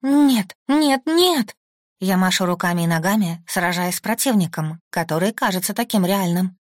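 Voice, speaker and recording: A woman's voice: on the low side, fairly even intonation, brisk, dry recording, studio quality. A woman reading an audiobook in the first person. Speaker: audiobook narrator.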